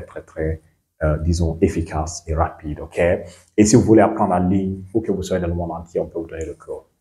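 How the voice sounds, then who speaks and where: A young Guinean man with a deep, darkish voice and a Guinean French accent teaches English and German pronunciation in a bilingual lesson. He frequently checks that his listeners are following along.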